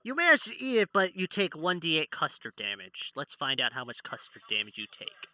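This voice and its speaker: A man's voice: on the high side, wildly swooping pitch, brisk, pushed and bright. A man narrating a tabletop role-playing game as its playful game master.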